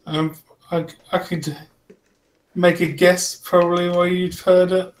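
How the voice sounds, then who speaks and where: A man's voice: high voice, flat delivery, slow pace. A man playing his character in a tabletop roleplaying game, speaking in a matter-of-fact way. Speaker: player.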